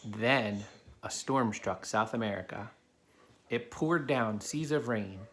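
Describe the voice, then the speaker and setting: Reading a picture book to a young helper, this man keeps his explanations simple for the child. He speaks slowly in a lowish, fairly bright voice, with clear background noise throughout.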